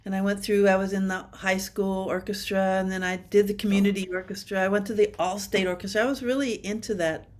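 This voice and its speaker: A woman's voice: medium pitch, steady tone, a little fast, hardly any pauses. A woman in her seventies from Washington state, a percussionist guest chatting animatedly over a video call and laughing often. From Washington state, USA. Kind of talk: casual interview chat.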